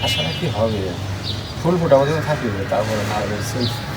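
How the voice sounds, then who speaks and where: A man talks through a casual home vlog at a mid pitch. He tours his balcony plants quietly, then calls and coaxes his sleeping children with repeated, rising calls. Clear street traffic and birdsong are heard behind him. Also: lively intonation, fairly quick. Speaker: vlogger and father. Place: home balcony garden and bedroom. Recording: street and bird noise behind.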